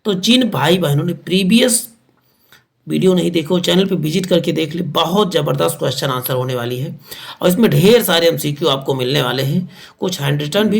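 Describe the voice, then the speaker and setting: A man teaching an online exam-prep lesson with an energetic, emphatic delivery, often repeating words for emphasis. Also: on the high side, vocal fry. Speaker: Hindi grammar teacher.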